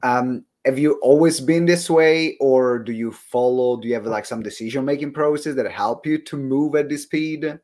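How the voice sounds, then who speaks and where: A man with an Italian accent hosting a podcast interview, animated and emphatic, laughing easily and repeating himself for effect. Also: mid-range voice, normal speed, hardly any pauses. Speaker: podcast host. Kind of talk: conversational interview.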